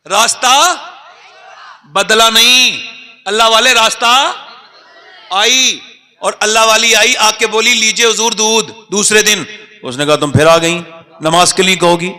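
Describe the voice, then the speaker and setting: A man preaching a sermon, telling stories and rising to shouts as he leads the crowd. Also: sits high, in a large hall. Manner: storytelling, rises to shouting and leads crowd chants.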